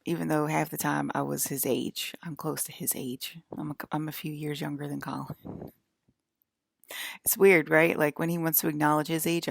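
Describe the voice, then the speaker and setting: A woman in her forties rambles directly to the camera in a defiant, scolding vlog, constantly checking in with her viewers through "okay?" and "right?". Her voice is low-pitched with vocal fry, recorded in studio quality without echo.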